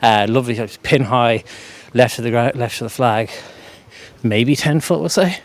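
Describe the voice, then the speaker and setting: A man's voice: medium pitch, normal speed. Conversational male golf commentator, mid-range voice. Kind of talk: casual live golf commentary.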